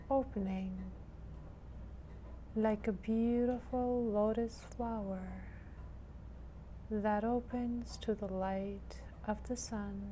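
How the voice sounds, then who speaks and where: A woman guides a meditation with a soft-edged, mellow tone. She speaks extremely slowly and gently, resting between phrases. There is some background noise under her voice. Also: a little high. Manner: soothing, gentle, unhurried with long pauses.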